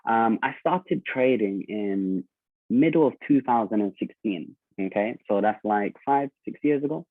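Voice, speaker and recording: A man's voice: fairly low pitch, dry recording. A man, politely telling his story as a guest on a call, with many ums and "okay?". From London, United Kingdom. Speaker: trading educator and guest. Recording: dry, tinny phone-like call line.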